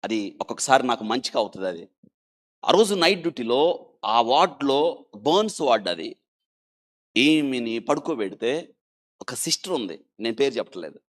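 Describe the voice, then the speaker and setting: A male doctor telling a dramatic story in an interview, swinging between loud emphasis and quiet asides and urging listeners to listen and think. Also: medium pitch, big pitch swings, moderate pace, long pauses.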